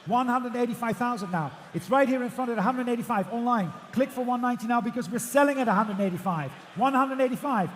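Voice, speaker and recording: A man working as an auctioneer, calling bids in rhythmic, repetitive number patter, projecting loudly to a room. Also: very high-pitched, fast, few pauses. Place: large auction room with bidders. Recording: echoey auction hall, faint background noise.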